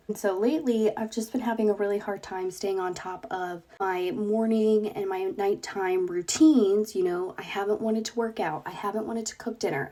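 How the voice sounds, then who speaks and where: A woman's voice: mid-range voice, darkish tone. A woman in her twenties talking casually to camera in a vlog, chatty and candid with frequent laughs, her voice congested from a cold. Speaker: vlogger.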